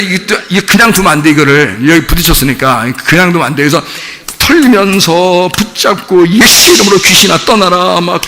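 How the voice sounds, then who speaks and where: A man's voice: high-pitched, sharp tone, a little hiss or hum. A middle-aged man preaching a sermon as pastor, telling stories animatedly with mimicry and laughter. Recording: long hall reverb.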